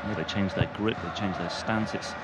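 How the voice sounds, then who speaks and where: Lowish-voiced male darts commentator over loud crowd. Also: fairly even intonation, brisk. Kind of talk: live sports commentary. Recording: loud crowd and venue noise. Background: noisy darts crowd.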